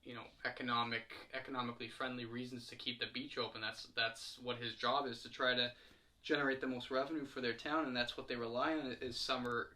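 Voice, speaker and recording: A man's voice: mid-range voice, level tone, fairly quick, pushed and bright. A young man co-hosting a podcast, chatting casually in a rambling, hesitant way with lots of fillers. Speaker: podcast co-host. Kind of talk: casual chat.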